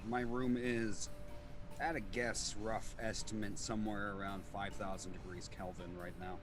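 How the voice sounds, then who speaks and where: A man's voice: fairly low pitch, flat delivery, moderate pace. A man casually introducing himself as a tabletop game player, with dry, exaggerated humor. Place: hot room with a box fan running. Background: music.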